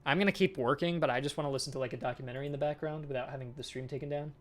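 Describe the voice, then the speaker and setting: A man's voice: mid-range voice, fairly even intonation, very fast, fairly bright tone. A man streaming as a game developer, chatting casually with viewers and thinking aloud while he works. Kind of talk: casual live-stream chat while working.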